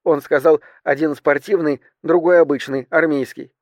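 A man voicing a young female flight attendant who reports in a hushed, tense way. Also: a little high, steady tone, normal speed, no room sound, natural voice.

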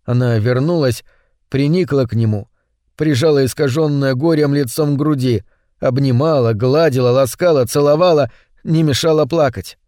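A man narrating a scripted horror story in a measured, suspenseful way. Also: medium pitch, warm tone, no room sound, clean studio sound.

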